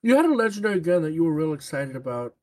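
A man's voice: a little high, very animated, fast talker, a little mellow. A man in a casual gaming chat, rambling with lots of fillers and restarts.

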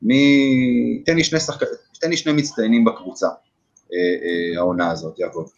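A man hosting a casual sports podcast, hesitant with many fillers as he steers the discussion. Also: mid-range voice. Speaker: podcast host. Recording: dull lo-fi audio.

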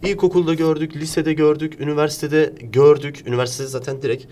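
A man's voice: fairly high pitch, little pitch movement, fast talker, dark tone. A man from Turkey hosting a casual interview, explaining things through examples and rhetorical questions. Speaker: interview host.

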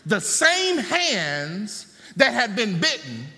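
A man's voice: high voice, huge pitch swings, slow pace, bright, forceful tone. A man preaching a sermon, mixing fervent preaching with folksy asides to the congregation. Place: church sanctuary. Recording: long hall reverb, faint music.

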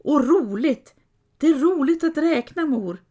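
A woman voicing a clever, stubborn young peasant girl who speaks in a bright, insistent way. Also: sits high, lively intonation, voice pushed up.

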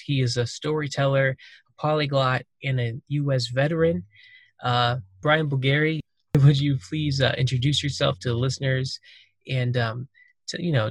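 A man with a mid-range voice hosts a casual conversational podcast, rambling loosely with lots of fillers and restarts. There's no echo on the recording.

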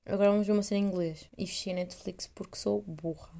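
A woman's voice: mid-range voice, steady tone, quick pace, gravelly, mellow. A young woman with a European Portuguese accent, hosting a casual solo podcast, rambling, swearing freely and poking fun at herself. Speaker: podcast host.

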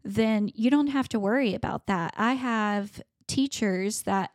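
A woman's voice: medium pitch, measured pace, dry recording. Chatty woman co-host, dry sound. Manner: conversational, explains at length with fillers. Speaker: podcast co-host, preschool owner. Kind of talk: casual business chat.

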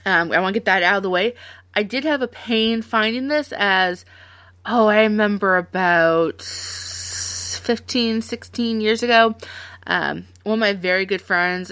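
A woman's voice: mid-range voice, a bit bright, no echo. A woman hosting a podcast in casual chat, chatty and rambling with frequent laughs. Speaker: podcast host.

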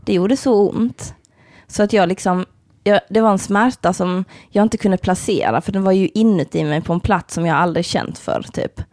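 A young woman in casual chat, telling lively stories with swearing and laughter. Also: medium pitch, dry recording, clean studio sound. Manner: vivid storyteller, swearing, laughing.

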